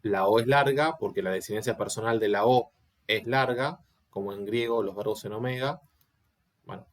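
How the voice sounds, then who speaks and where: A man giving an online Latin class, explaining step by step and often checking that students follow. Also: fairly low pitch. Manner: patient, explanatory, asks checking questions. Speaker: Latin teacher.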